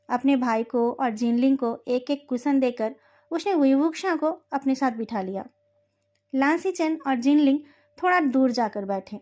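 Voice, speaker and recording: A woman narrating a romance novel retelling as a steady storytelling reading. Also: sits high.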